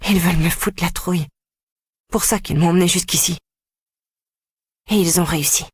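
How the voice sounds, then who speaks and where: A grave audiobook narrator telling a dark story in the first person. The voice is husky and sits close to the mic, with a dry sound and no room around it. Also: mid-range voice, moderate pace, no echo. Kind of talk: scripted narration.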